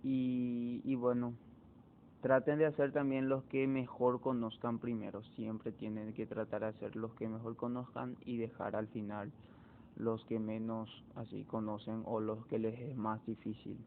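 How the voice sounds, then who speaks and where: A man teacher, walking students through exam answers slowly, repeating key words to drive them home. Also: on the low side, flat delivery, a little hiss or hum. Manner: slow, repetitive explaining, repeats key words. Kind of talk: exam walkthrough lesson. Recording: tinny phone-like audio.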